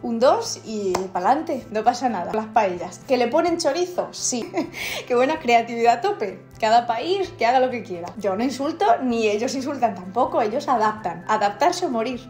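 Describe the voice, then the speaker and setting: A young woman answers comments in a casual vlog, teasing and laughing as she reads them. Her voice sits a little high and rings in an echoey room, with faint music underneath. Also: animated, moderate pace, a little mellow. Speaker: YouTuber. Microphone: compact camera.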